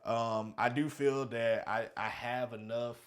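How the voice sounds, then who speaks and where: A man's voice: medium pitch, fairly even intonation, unhurried. Rambling, cursing man in his thirties. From United States. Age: 30s. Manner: rambling, profane, frequent restarts and fillers. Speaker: podcast co-host. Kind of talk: casual chat.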